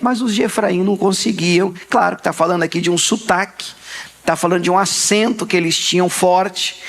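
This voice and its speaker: Brazilian pastor guy, high voice, preaching in church, repeats stuff for emphasis. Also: fairly bright tone. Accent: Brazilian Portuguese. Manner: emphatic, repeats key words, asks the congregation for responses. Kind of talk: sermon. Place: church sanctuary.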